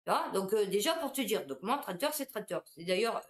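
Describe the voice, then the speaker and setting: A woman, a supermarket cashier, telling anecdotes in a casual, animated monologue. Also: mid-range voice, fairly quick.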